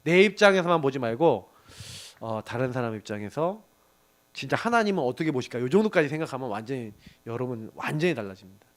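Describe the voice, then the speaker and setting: A middle-aged man preaching to a young adults group, telling animated stories and often laughing. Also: medium pitch, fast talker. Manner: animated storytelling with laughs and acted quotes. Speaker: pastor.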